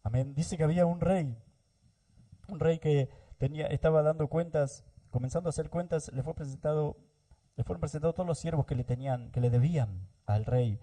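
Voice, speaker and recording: A man's voice: fairly high pitch, a little fast, mellow. A man from Argentina preaching a sermon in church, addressing the congregation and saying amen often. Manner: preaching, repeatedly addressing the congregation, frequent amens. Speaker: pastor.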